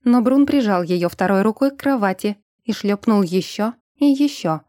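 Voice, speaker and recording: A woman narrating an audiobook in a steady, even reading. Her voice is mellow and dark. The recording is dry and close. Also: medium pitch, normal speed, no room sound. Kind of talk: scripted narration.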